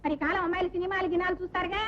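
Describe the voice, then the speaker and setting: A woman's voice: very high-pitched, steady tone, racing, a crowd in the background. A middle-aged actress playing a domineering village mother who scolds her family, in an old film. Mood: scolding. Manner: sharp-tongued, scolding. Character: domineering sharp-tongued village mother-in-law. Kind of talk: Telugu film dialogue. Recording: dull old film soundtrack with music.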